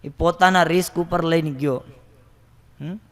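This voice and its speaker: A man from Gujarat, a swami telling comic stories to an audience in a brisk way and acting out the characters. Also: a little high, fairly even intonation. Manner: brisk joke-telling, acts out characters' voices. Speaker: swami giving a comic religious talk. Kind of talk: humorous storytelling talk to an audience.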